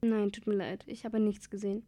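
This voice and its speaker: A woman's voice: medium pitch, flat delivery, brisk, warm tone, close to an everyday voice. A woman voicing an apologetic market stall keeper, in a read-aloud story. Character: apologetic woman selling knitted gloves.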